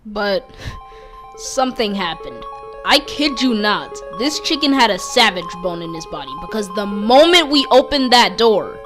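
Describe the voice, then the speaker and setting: A woman's voice: mid-range voice, animated, a little slow. A young woman narrating a funny storytime animation in a playful, joking way, full of slang. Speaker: animator telling a childhood story. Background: background music.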